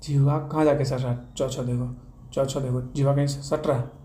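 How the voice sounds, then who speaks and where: A man's voice: mid-range voice, level tone, brisk, dark tone. A man with a Bihari accent teaching a grammar lesson, asking questions and answering them himself in a repetitive drilling manner. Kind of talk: classroom-style grammar lesson. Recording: echoey room with faint ambient noise.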